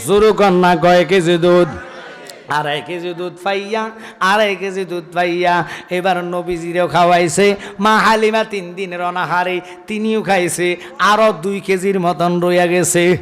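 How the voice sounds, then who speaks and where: A male preacher, giving a sermon that shifts between chanted, sung lines and quiet asides to the crowd. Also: fairly even intonation, a little slow. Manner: swings from sung, stretched shouting to low, quiet talk with the crowd. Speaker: preacher at an outdoor religious gathering. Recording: long reverb through loudspeakers, faint music.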